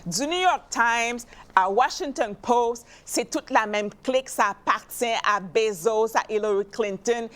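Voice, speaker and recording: A woman, hosting an opinionated news commentary show, animated and emphatic, often stumbling and repeating words. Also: a little high, unhurried. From not from Canada. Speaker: show host.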